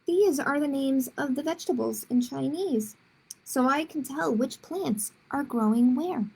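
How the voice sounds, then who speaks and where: Storybook mother, acted by a woman, patient, explanatory, creaky voice. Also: high-pitched, unhurried, warm tone, poor audio. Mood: patient, assured. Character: patient, assured mother answering her small daughter.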